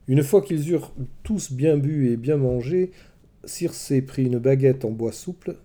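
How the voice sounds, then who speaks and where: Dark-toned man narrating a tale. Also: mid-range voice. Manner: measured, expressive storytelling. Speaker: storyteller. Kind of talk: scripted narration.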